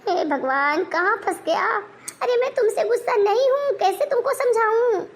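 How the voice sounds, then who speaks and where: A woman's voice: very high-pitched, animated, moderate pace. A woman voicing an exasperated young husband who pleads and sighs in a family story. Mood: pleading. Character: exasperated young husband, patient but fed up.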